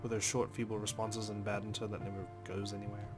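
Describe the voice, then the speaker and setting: Reading a game's first-person narration as a let's play host, this man delivers it with drama, expression, and careful, deliberate phrasing. His voice sits on the low side, and background music can be heard.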